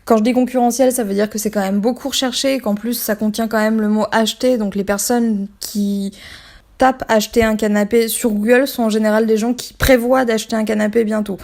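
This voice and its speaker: A young woman with a fairly high voice talks through a beginner lesson in a relaxed, chatty way. She fills her sentences with little spoken fillers as she explains things step by step like an online trainer. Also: fairly quick, gravelly. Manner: chatty, many fillers like "du coup" and "bah".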